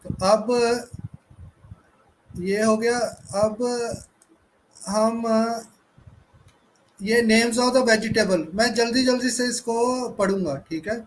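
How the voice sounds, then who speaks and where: A man's voice: very high voice, extremely slow, pauses often, low-quality recording. A man teaching children in an online class, patiently spelling out words letter by letter, heard over a video call.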